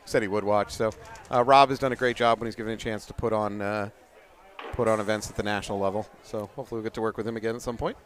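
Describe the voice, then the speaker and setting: A man's voice: lowish voice, fairly even intonation, very fast, slight background noise. A man co-hosting live paintball commentary in a chatty, joking way. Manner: joking, chatty, laughs often.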